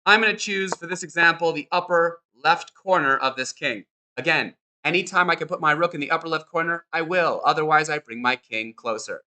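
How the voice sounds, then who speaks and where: A man's voice: a little high, fairly quick, bright, forceful tone. A man teaching a chess lesson, upbeat and encouraging, repeating short cues as he demonstrates moves on the board.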